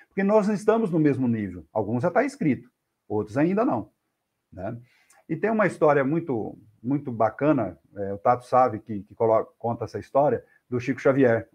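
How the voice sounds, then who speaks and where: A man's voice: mid-range voice, darkish tone, husky. A Brazilian Portuguese-speaking man giving an earnest devotional talk, often checking in with the audience. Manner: earnest storytelling, frequent "né?" checks. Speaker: spiritist lecturer.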